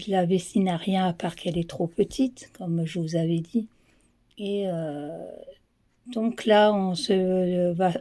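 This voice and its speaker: A tired woman with a cracked voice, vlogging casually from her dressing room on a handheld phone, halting and dropping to whispers now and then. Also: medium pitch, mellow. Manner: halting, drops to a whisper when showing items. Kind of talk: casual vlog chat to camera. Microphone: handheld phone camera with ring light.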